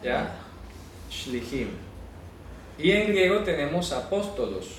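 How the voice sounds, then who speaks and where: Speaking at medium pitch and a measured pace, a man leads a Bible class, breaking down words step by step and checking comprehension with "¿ya?" while firmly correcting pronunciation. He's far from the mic in an echoey room, with slight background noise.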